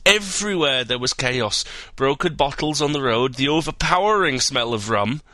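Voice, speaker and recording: A man voicing an excitable adult man who tells a wild tale in a breathless, rising voice. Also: mid-range voice, normal speed, no room sound, pitched above the performer's own voice. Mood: excited.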